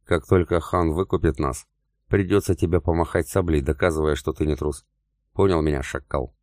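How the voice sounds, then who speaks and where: A threatening old emir, played by a man narrating a storybook. He speaks slowly and with menace in an extremely deep voice. The recording is dry and close. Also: fairly even intonation, a little mellow, no room sound. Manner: menacing, slow.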